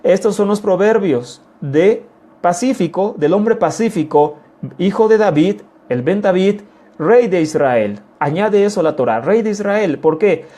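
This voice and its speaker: A man gives a teaching sermon in a soft, mellow voice. He talks in an unhurried way, returns to his key phrases again and again and keeps turning to his listeners with questions. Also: high voice, expressive. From Mexico. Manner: repeats key phrases, often calls listeners "amados"; deliberate, unhurried explanation with rhetorical questions. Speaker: congregation teacher.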